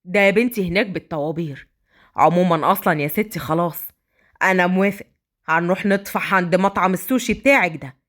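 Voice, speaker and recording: A woman voicing a gruff, domineering young husband who talks bluntly and teases. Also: lively intonation, fast talker, lightly acted. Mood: teasing. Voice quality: rough, lowered voice. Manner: commanding, blunt, teasing.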